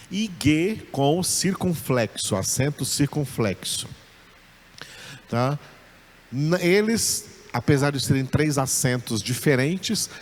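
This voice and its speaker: A Brazilian Portuguese man teaching at an unhurried pace, with a voice of ordinary middle pitch. He explains patiently and repeats each word several times, pausing to check that his students are following. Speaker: Bible school teacher. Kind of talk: recorded lesson on Koine Greek.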